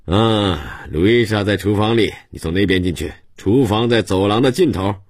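Guy doing a smug servant voice, talks down to a kid, kinda teasing, higher than his normal voice. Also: normal speed, a little mellow, no echo, clean studio sound, close to an everyday voice. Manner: condescending, teasing. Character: haughty male servant, adult, mocking.

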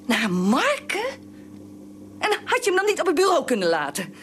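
An actress playing a fierce, nagging middle-aged wife who scolds shrilly and repeats herself in a radio drama. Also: female voice, high voice, wildly swooping pitch, moderate pace, a little hiss or hum. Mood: angry scolding.

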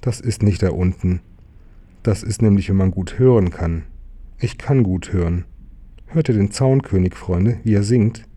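A man's voice: fairly low pitch, normal speed, dark tone, close to an everyday voice. A man voicing a cheerful, blind old male mole in a children's storybook reading.

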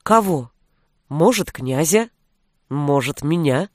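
A woman's voice: big pitch swings, measured pace, no echo, clean studio sound. Woman voicing a sly, teasing young sorcerer. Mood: sly whisper. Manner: sly, playful, low murmuring. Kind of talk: audiobook character voice.

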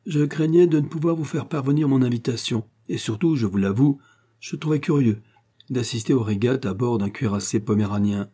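A man's voice: medium pitch, fairly quick, mellow, slightly rough, natural voice. A man voicing a courteous, genteel male English lord in an audiobook reading. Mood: polite.

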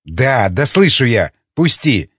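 A narrator puts on a cynical, sneering ex-jailer who argues fast and mocks, his pitch jumping around. The audiobook sound is dull and dry. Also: sing-song, slightly rough, no echo, full character voice. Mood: mocking.

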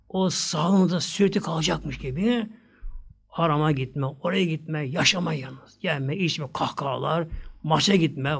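A male preacher giving a religious sermon, reciting verses slowly and repeating his points insistently, swinging between raised lines and near-whispers. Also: on the high side, gravelly, breathy edge. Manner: recites Arabic verses slowly, then explains them; repetitive, insistent preaching cadence.

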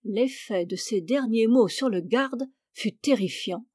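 A woman's voice: a little high, unhurried, dry recording. Woman narrator, dramatic audiobook read, dry close mic. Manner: steady, dramatic storytelling. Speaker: reader.

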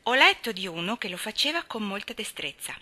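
A modest, gentle little schoolgirl , as a woman reading aloud puts her on, reads her essay in a soft, sweet storybook voice. The tone is very bright and clear. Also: medium pitch, big pitch swings, fairly quick, heavily acted.

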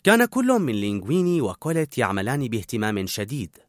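A man narrating a children's story aloud in an animated, expressive way. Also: mid-range voice, fast, no room sound, clean studio sound.

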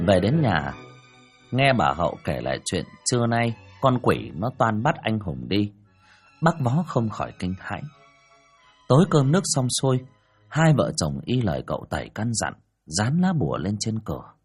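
A man's voice: lowish voice, very animated, normal speed, slightly rough, faint music behind. A man narrating a ghost story in a dramatic, storytelling way. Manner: dramatic, rising and falling telling.

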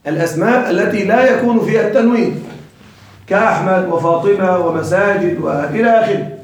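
Guy teaching grammar, keeps quizzing the class, high voice, far off in a really echoey room. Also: a little fast. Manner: asks students questions and repeats answers.

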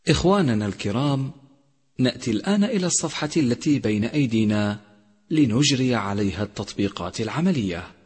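Husky man teaching tajweed in a reverberant hall. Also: medium pitch, lively intonation, darkish tone. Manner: slow, drawn-out recited example words. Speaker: Quran recitation teacher. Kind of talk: tajweed lesson.

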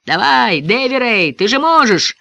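A joyful young boy cheers and calls out to his friends, as a man voices him. His voice jumps high and lively with every call. The reading sounds close and dry. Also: measured pace, gravelly, dry recording, exaggerated voice. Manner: cheering and calling down.

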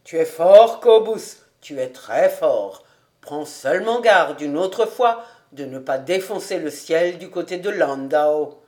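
A merry, stout older man in a storybook reading, booming and teasing his friends, as a woman reader puts him on. He takes his words slowly. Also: expressive. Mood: boisterous.

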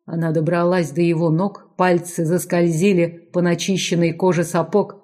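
A woman reading a dramatic audiobook narration in a measured, steady way. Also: on the low side. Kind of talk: scripted narration.

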